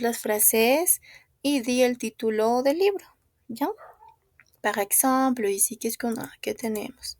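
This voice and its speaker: A woman teacher who explains at an unhurried pace, with a fairly high voice. She repeats each word patiently and keeps checking that her class follows. The sound is dry and close. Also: darkish tone, no echo. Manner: patient, repeats words and checks understanding often. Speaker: French teacher. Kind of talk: classroom language lesson.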